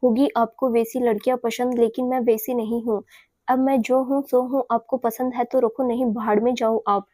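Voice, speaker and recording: A woman's voice: on the high side, level tone, moderate pace, mellow, no room sound, close to an everyday voice. A woman narrator voicing an angry, possessive young woman who scolds her lover sharply.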